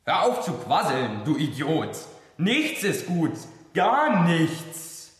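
A man's voice: mid-range voice, sing-song, slow pace, a bit bright, big-room sound. A man voicing a powerful male sea god, bellowing in outrage and grief. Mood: furious, grieving.

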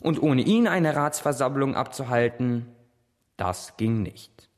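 A man reading a dramatic story in the first person, with an expressive, theatrical manner. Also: medium pitch, slow, long reverb tail. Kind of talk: scripted dramatic narration.

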